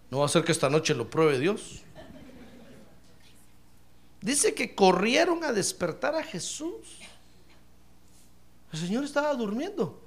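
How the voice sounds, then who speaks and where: A man with a high voice preaches an animated, humorous sermon, often addressing his listeners as brother and acting out scenes from the Bible.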